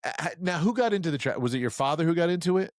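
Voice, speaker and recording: A man hosting a podcast in casual interview chat, joking and telling quick stories. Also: on the high side, animated, no echo, studio quality. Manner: chatty, joking, quick storyteller. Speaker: podcast host.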